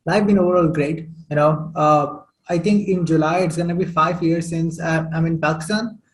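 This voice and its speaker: Young guy guesting on a podcast, high voice, rambling storyteller, lots of "you know". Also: fairly even intonation, normal speed, low-quality recording. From Saudi Arabia. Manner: chatty storytelling with many fillers. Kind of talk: casual interview chat.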